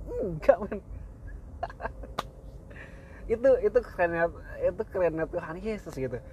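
Young guy chatting about faith, super slangy and chill, voice sits kinda high, lots of "eh" and little laughs. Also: darkish tone, a little hiss or hum, poor audio. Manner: slangy, laid-back, many fillers and laughs. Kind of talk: casual faith talk.

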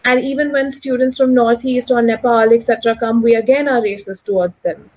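Speaking fairly quickly in a steady tone, an economist in her early thirties or so gives a conversational interview as a guest. Her voice is a little high and a touch mellow, her accent posh educated Delhi Indian English, and the recording is rough. She comes across as articulate and opinionated, leaning often on "like" and "you know."

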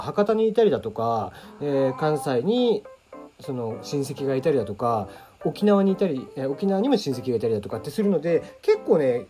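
A man hosts a casual solo web radio talk, reading out listener questions in a rambling style. His speech is standard with a slight mixed regional lilt beneath it, packed with fillers and animated swings in pitch.

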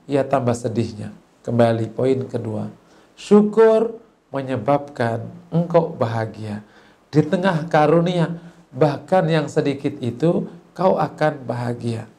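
A man giving a sermon, telling stories and acting out the children and a grandmother in squeaky raised voices. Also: mellow. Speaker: preacher. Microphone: voice message recording.

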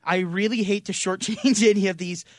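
A man's voice: high-pitched, fairly even intonation, normal speed, dry recording, clean studio sound. A man hosting a podcast, moderating a casual chat and handing turns to the others. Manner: moderating, hands over turns. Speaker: podcast host.

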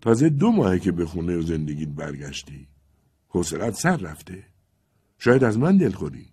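Storybook role: passionate young Cossack suitor, loud and coaxing, read by a male narrator. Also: low voice, very animated, breathy edge, dry recording, studio quality, full character voice. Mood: earnest. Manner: loud, eager pleading. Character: young Cossack man, ardent and teasing.

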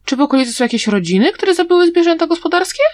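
A woman reading a sly young girl who fakes blindness, in a high, wheedling tone. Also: animated, rapid-fire, no echo. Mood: coaxing.

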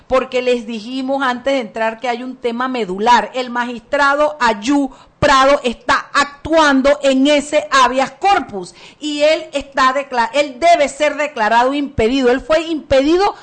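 A high-pitched woman hosts a radio talk show. She comments on the news with emphatic indignation and a playful streak, then turns to her guests with lively questions. Her voice sits well above most women's. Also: unhurried, hardly any pauses. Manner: emphatic, indignant, playful Cuban-style slang. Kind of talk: opinionated news commentary and interview.

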